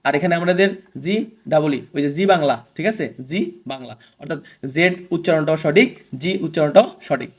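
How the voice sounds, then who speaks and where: A man's voice: fairly high pitch, animated. Man teaching a basic grammar lesson. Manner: asks questions and answers them himself; repeats sounds slowly for students to copy. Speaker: English teacher.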